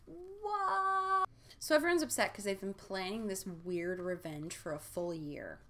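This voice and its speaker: A woman hosting a comedy show, reading a children's book aloud and recapping it with exasperated, deadpan jokes. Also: lowish voice, normal speed. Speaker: comedy podcast host. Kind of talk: sarcastic recap and read-aloud of a kids' book.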